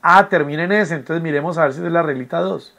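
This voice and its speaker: A man's voice: on the high side, fast talker, gravelly, sharp tone. A man, teaching an English lesson from home, patient and repetitive, often checking that students follow. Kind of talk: recorded online class explanation.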